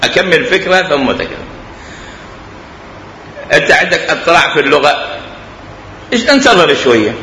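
A man with an Iraqi Arabic accent teaching a grammar class, animated and explanatory, repeating his examples. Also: a little high, brisk, pauses often, a little hiss or hum. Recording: echoey hall, faint ambience.

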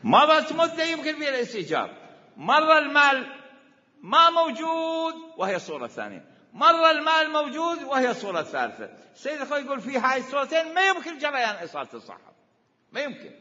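A man with an Iraqi accent teaches a seminary class in a high, bright voice that leaps up and down as he presses his points. He fires questions and repeats himself for emphasis. The sound is dull and lo-fi, with a long echo from a hall. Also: wildly swooping pitch, quick pace. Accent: Iraqi Arabic. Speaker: seminary teacher of Islamic law. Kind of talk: seminary lecture.

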